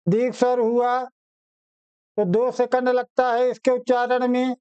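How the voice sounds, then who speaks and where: A man teaching an exam-prep grammar lesson, calling his students children and repeating each phrase slowly so they can write it down. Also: very high-pitched, flat delivery, darkish tone, clear, resonant tone, no room sound, lo-fi sound.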